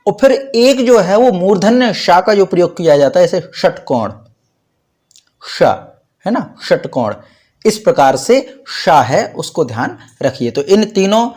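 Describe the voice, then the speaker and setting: Man, slightly high voice, patient teacher who drills sounds one by one. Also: animated, a little mellow. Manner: slow, careful, demonstrates sounds repeatedly. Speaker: Sanskrit teacher. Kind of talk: pronunciation lesson.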